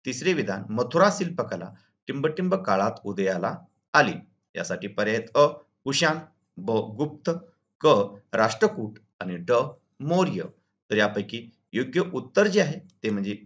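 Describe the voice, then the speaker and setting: A medium-pitched school teacher and video channel host from Maharashtra, India, formally and methodically guides students through exam questions, reading each question and its answer. The recording is dull and lo-fi.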